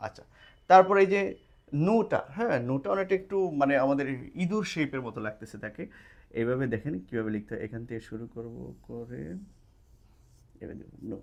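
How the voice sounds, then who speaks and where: This man's mid-range voice has vocal fry, and he talks a little fast with long pauses. Teaching a language casually at a board indoors, in a classroom or study room, he explains step by step and often checks in with his listeners, captured on a camera mic as he writes.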